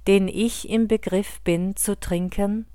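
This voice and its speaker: A woman reading the words of a calm male teacher speaking to his followers, in a solemn, measured way. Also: high voice, smooth, no echo, clean studio sound.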